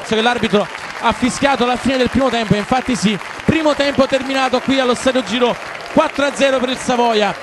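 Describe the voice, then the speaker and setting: A man giving breathless goal commentary live on a football match, shouting excitedly and repeating players' names. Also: very high-pitched, brisk. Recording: loud stadium crowd noise behind commentary. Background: cheering football stadium crowd.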